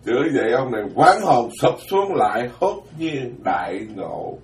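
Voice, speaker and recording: A man, a Buddhist monk giving a dharma talk in a blunt, plain-spoken way, alternating quick asides with slow, weighty phrases. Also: mid-range voice, very animated. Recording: roomy, distant mic.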